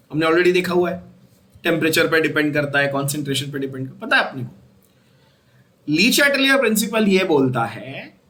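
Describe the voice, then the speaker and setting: A man's voice: a little high, a bit bright. A man giving a chemistry lecture, asking the class questions and repeating key terms as he switches between Hindi and English. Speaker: chemistry teacher.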